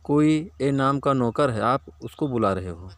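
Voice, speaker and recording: A man voicing a cheeky young male servant who answers back with deadpan wit. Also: mid-range voice, a little slow.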